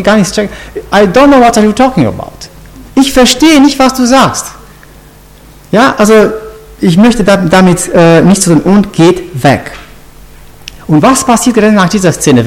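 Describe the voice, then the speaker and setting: A man preaching an informal Bible lesson, asking his listeners questions and restarting his sentences often. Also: high voice.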